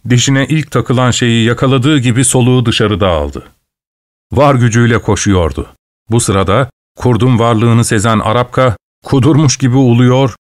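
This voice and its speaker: A man with a fairly low voice reads a short story aloud in a slow, measured way. The sound is dry and close, with almost no room echo. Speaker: audiobook narrator.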